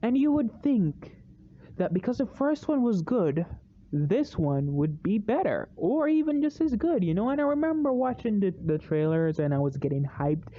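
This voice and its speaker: A movie review vlogger ranting casually and opinionated, animated, swinging into loud excited outbursts and repeating words when worked up. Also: medium pitch, moderate pace, narrow, tinny audio.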